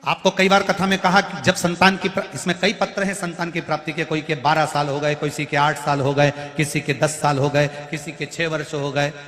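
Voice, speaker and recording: Man preaching a long devotional sermon, bright forceful tone, big echoey hall with long reverb, goes loud then soft all the time. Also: a little high, little pitch movement, normal speed, few pauses. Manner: dramatic, emphatic preaching with sudden swings in loudness. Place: large hall before a crowd.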